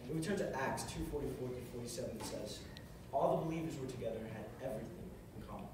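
This fast-talking young man has a medium-pitched voice and preaches a brief, earnest sermon, repeating phrases to drive points home. He speaks from a stage at a music stand in a big carpeted hall. The camera mic sits far across the room, so the sound is echoey and noisy.

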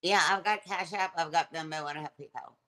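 A woman's voice: fairly low pitch, fast talker, sharp tone. A middle-aged woman joining a livestream by video call from her couch, giving short, offhand answers. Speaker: streamer guest. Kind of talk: casual livestream chat. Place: living room couch, indoors. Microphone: phone camera on video call.

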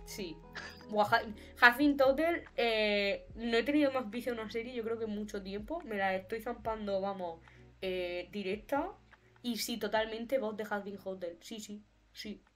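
A woman with an accent from Spain, co-hosting a podcast in casual chat, expressive and playful and laughing often. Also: mid-range voice, moderate pace, faint music behind. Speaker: podcast co-host.

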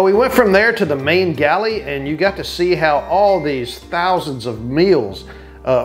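A man in his fifties recapping a cruise ship tour to camera from a small cabin, chatty with lots of fillers and restarts. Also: fairly high pitch. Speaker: travel vlogger. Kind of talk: casual travel recap to camera.

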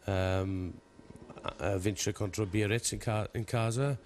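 A man in his forties, a native English speaker with English-accented Italian, speaking haltingly in a studio interview as a rugby coach and searching for words. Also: fairly low pitch, fairly even intonation, darkish tone, slight background noise. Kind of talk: television interview. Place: television studio.

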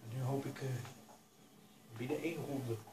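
A man giving casual commentary over his own racing game, talking to himself and urging himself to stay calm. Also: mid-range voice, normal speed, echoey room, noisy background. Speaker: gaming YouTuber.

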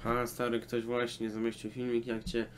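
A young Polish man talks through a video game in a casual, sweary way. Game music plays clearly behind his voice. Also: mid-range voice, monotone, normal speed. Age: young adult. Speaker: let's player commenting on a video game. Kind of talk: casual gaming commentary with swearing.

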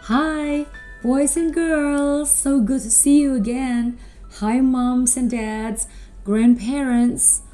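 A middle-aged woman talking to children like a kids show host, animated, with simple questions and drawn-out words. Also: high-pitched, soft background music, poor audio. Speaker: children's presenter at a school Christmas service.

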